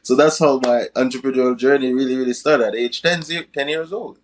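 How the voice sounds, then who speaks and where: This crypto and business coach from Jamaica, a young man, chats casually as a podcast guest and tacks "right?" onto many of his lines. He speaks in a mid-range, steady voice at a fairly quick clip, with a little hiss or hum in the audio.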